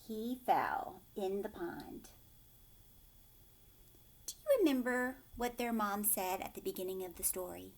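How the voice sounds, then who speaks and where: A teacher reads a picture book aloud to young children, stretching out words and slipping into hushed asides that pose questions to the kids. Her medium-pitched voice has lively intonation. She reads a little slowly and pauses often.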